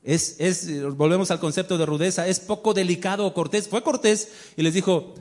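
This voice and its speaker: A man's voice: high-pitched, fairly even intonation, moderate pace, a little mellow. A male pastor preaching a sermon, emphatic and full of rhetorical questions to the congregation.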